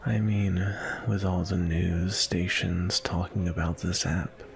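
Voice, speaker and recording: Sebastian, a deep, gravelly vampire acted by a man. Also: steady tone, exaggerated voice. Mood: calm, reassuring. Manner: polite, unhurried, flirtatious. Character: suave, courteous, centuries-old male vampire on a date. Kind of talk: ASMR roleplay, intimate and softly spoken.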